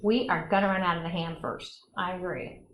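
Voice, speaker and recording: A woman's voice: on the low side, steady tone, fairly quick, fairly bright tone, a little hiss or hum. Woman teaching a chemistry class. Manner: chatty, asks students questions. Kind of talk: classroom lecture. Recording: echoey classroom recording.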